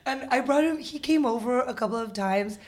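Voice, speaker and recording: Animated woman comedian telling stories. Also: on the high side, brisk. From Indian heritage. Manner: animated storyteller who acts out quoted voices. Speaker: comedian guest. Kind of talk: casual podcast chat.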